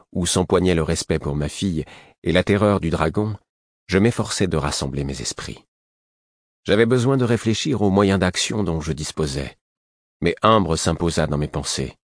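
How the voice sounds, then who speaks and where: A man narrating a story in a steady, composed way. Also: sits low, dry recording, clean studio sound. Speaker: audiobook narrator. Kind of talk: scripted narration.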